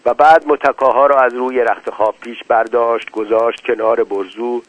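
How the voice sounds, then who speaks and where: A man tells a story in dramatic scripted narration at a mid pitch. His loudness rises and falls widely with the scene. The recording is dull and lo-fi, dry and close. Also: steady tone, no echo. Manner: dramatic, with big swings in loudness.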